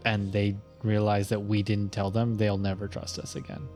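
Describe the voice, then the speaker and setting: A man's voice: lowish voice, flat delivery, normal speed, darkish tone, faint music behind. A man playing in a tabletop role-playing game who argues his points in an earnest, persuasive way. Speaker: player. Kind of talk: tabletop role-play and reading aloud.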